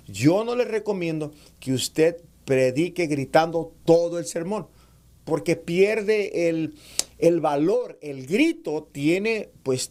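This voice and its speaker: A man giving an online class on public speaking to preachers, calling them brothers, reading comments and demonstrating raised and lowered voice. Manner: addresses listeners as brothers, reads out chat comments; demonstrates shouting and lowering his voice. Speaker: preaching instructor.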